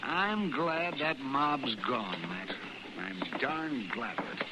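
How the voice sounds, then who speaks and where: An actor playing a cranky, weary, sardonic older town doctor who grumbles, in old-time radio Western style. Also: male voice, mid-range voice, expressive, slow pace. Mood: weary, fed up. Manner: grumbling, crotchety. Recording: very noisy vintage radio recording.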